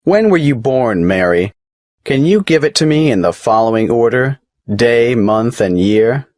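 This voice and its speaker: A woman's voice: a bass voice, animated, a little mellow, no room sound, clean studio sound. A woman playing a businesslike office clerk who asks an applicant for details in a scripted exam dialogue. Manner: brisk, businesslike questioning.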